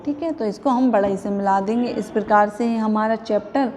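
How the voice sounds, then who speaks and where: A woman's voice: medium pitch, normal speed, darkish tone, in a large hall, a little hiss or hum. A woman teaching young children a grammar lesson, patiently asking the class questions and repeating each answer. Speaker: primary school teacher.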